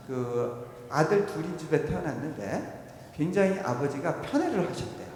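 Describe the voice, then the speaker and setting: A man, a missionary, preaching a revival sermon and telling stories with acted quotes, swinging between loud and soft. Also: sits high. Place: church sanctuary. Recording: echoey church hall, faint noise.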